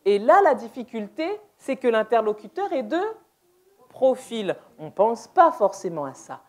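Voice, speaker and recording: Brief: woman, higher voice, unhurried church workshop presenter, playful, laughs often, restarts her phrases. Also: big pitch swings. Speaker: deaf ministry presenter. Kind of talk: interactive church workshop talk. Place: church hall, indoors.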